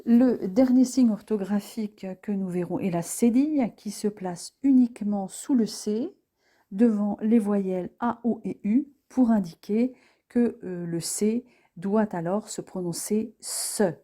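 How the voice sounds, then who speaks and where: Woman teacher going over french sounds, careful and slow, mellow warm voice. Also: medium pitch. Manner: slow, careful, spelling out sounds with occasional hesitations. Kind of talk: pronunciation lesson.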